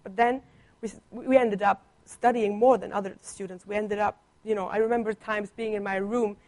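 A young woman from Germany, whose first languages are Italian and German, shares a personal testimony as a visiting guest speaker on a church placement. Her medium-pitched, darkish voice is steady and moderately paced, and she speaks conversationally with playful, teasing humor. She has a slight cough.

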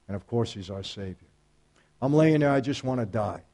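A man giving a faith testimony, storytelling emphatically and speaking straight to his audience, swinging between hushed and loud. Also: mid-range voice, lively intonation, moderate pace. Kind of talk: personal testimony talk.

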